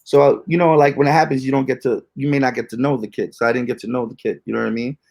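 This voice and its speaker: A man's voice: mid-range voice, level tone, very fast, vocal fry, a little mellow. A young man co-hosting a podcast, telling ghost stories in casual, slangy, rambling chat with lots of fillers. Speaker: podcast co-host.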